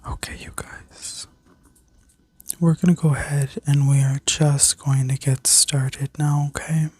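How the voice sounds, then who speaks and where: Casting: woman for whispered ASMR sleep-story narration and guided healing meditation; breathy, soft and dark in tone, even and soothing. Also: sits low. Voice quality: breathy, mostly unvoiced whisper. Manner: soothing, slow, gently instructing. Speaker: ASMR reiki healer and video host.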